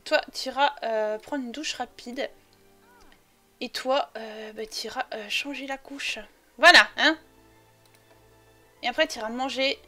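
A young woman with a high, bright, ringing voice commentates a life-sim game. She is excitable and bossy with her characters, jumping from loud cheering to quiet muttering asides. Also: takes it slowly, pauses often, soft background music. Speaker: gaming video host. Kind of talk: casual Let's Play commentary.

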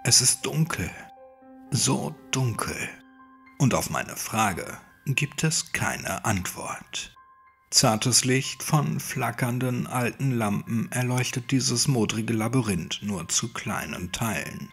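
A man reading a first-person horror story aloud, tense and breathy, dropping into whispers and rising into shouts. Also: mid-range voice, expressive, takes it slowly. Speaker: horror audiobook narrator. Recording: faint music bed under the voice.

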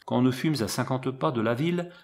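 A man reading a novel aloud in first person, with a lively, expressive delivery. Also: mid-range voice, a little fast. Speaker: audiobook reader. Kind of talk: first-person storybook narration.

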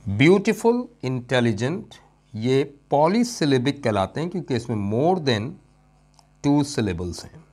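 Slow, deliberate man teaching English grammar. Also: medium pitch, sing-song. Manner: slow and deliberate, drawing out example words and repeating them; addresses students warmly as "son" and checks understanding with "okay?". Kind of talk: classroom grammar lesson.

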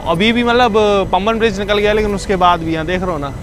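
A young man chatting excitedly to a phone camera at arm's length while riding a moving train, with music playing underneath. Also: sits high, fast, background noise. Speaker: train travel vlogger. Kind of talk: casual travel vlog.

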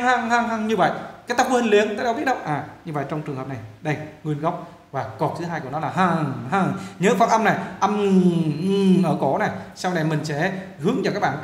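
A man's voice: high-pitched, reverberant. A man teaching an English lesson with a Vietnamese accent, repetitive and coaxing, often checking in with his viewers. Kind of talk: casual classroom lesson.

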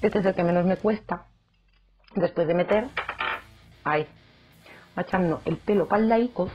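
A young woman vlogger chats casually to camera in a fairly low voice at a moderate pace. She's jokey and animated, acting out the voices of people she quotes. The audio is somewhat dull, with faint music underneath.

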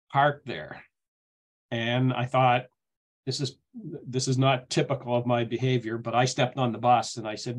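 A middle-aged Canadian man giving a relaxed talk to a group. He rambles and often restarts his sentences, and his voice sits at an ordinary medium pitch. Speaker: guest speaker. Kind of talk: casual storytelling talk.

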